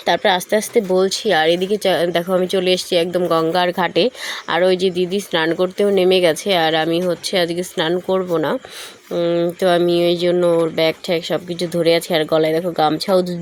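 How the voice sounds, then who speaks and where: A young woman from West Bengal narrating a casual travel vlog, talking straight to her viewers with fillers and self-corrections. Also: on the low side. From West Bengal, India. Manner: chatty, addresses viewers directly, many fillers and self-corrections. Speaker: vlogger.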